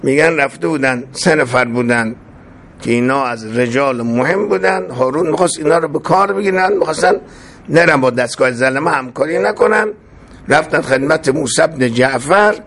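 A man's voice: a little high, fairly bright tone. A man telling a folk tale in an informal, folksy way, with many asides. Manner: folksy and colloquial, with frequent asides. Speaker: storyteller. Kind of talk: informal oral storytelling.

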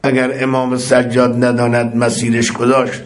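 A man preaching a religious sermon in a mid-range voice. He chants lines of Arabic prayer and explains each one, and his voice climbs into fervent, ringing cries as phrases repeat. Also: completely flat delivery. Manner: recites Arabic prayer lines, then explains them in Persian; builds to impassioned high-pitched cries on repeated phrases.

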